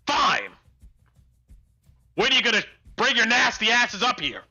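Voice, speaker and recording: A man voicing a gruff, sly, demanding crime boss who swears and bullies in a tabletop game. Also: very high voice, sing-song, a little slow, pushed and bright, pitched above the performer's own voice, full character voice. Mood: indignant, bullying. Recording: music behind the voice.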